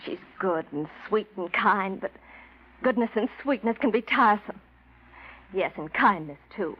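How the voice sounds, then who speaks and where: In a 1940s radio drama, an actress with a medium-pitched, expressive voice plays a scheming, passionate woman who loves her cousin's fiance. She delivers her lines unhurriedly and ardently, with a theatrical, imperious air. The vintage radio recording sounds dull.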